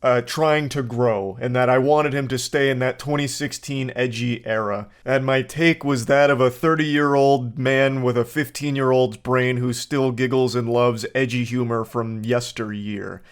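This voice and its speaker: A man's voice: medium pitch, fairly even intonation, unhurried, few pauses, smooth. Man, late twenties, YouTuber, blunt and emphatic commentary with casual swearing. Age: 20s. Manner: candid, profane and emphatic.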